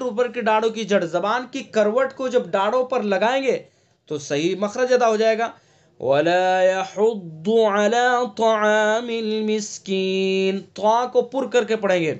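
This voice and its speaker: A man teaching an online Quran recitation class, patiently explaining how each letter is sounded and chanting verses slowly with long drawn vowels. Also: sits high, muffled recording. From India. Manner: patient step-by-step explaining, checks "ٹھیک ہے؟".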